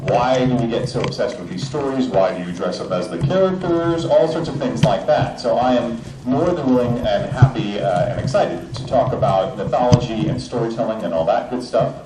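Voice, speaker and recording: A man speaking at a convention question panel, joking and chatty with many filler sounds, his voice coming through a loudspeaker system with fuzz distortion from clipping. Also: mid-range voice, expressive, moderate pace, few pauses, background noise. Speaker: voice actor answering fan questions. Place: large convention hall with an audience. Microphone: handheld mic into the house speaker system. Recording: echoey hall through loudspeakers, from far off, with crowd.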